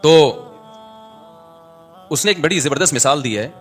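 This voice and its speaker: A male preacher talks to his listeners in a loose, conversational way, slipping in jokes and stretching out recited Arabic verses. His voice sits a little high for a man. Soft music plays faintly under the talk. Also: animated. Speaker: Islamic scholar giving a talk. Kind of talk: religious talk.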